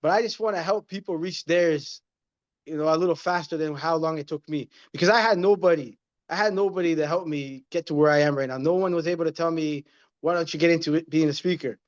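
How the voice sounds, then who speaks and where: A man in his thirties, appearing as a guest in a casual interview, speaks earnestly and repeats his points the way a motivational speaker would. His voice is fairly high and fast, and the audio sounds dull.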